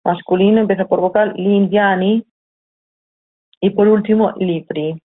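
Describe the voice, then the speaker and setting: A woman with a Spanish accent from Spain teaches Italian in a live online lesson, heard through tinny, phone-like audio. Her mid-range, slightly rough voice stays fairly even at a measured pace as she explains patiently and reads student questions aloud from the chat.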